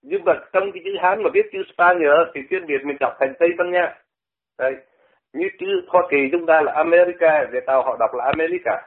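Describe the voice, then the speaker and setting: A man's voice: fairly high pitch, a little fast. Older man, radio commentator, explanatory, thin phone-line sound. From Vietnam. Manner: conversational and explanatory, repeats words to demonstrate pronunciation. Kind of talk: radio talk, explaining language.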